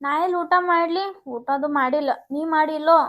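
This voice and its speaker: A woman with a North Karnataka Kannada accent playing a young woman, brisk and scolding. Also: high-pitched, fairly bright tone, dull audio. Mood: scolding, worried. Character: young woman brushing off her lovers. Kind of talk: short film acting.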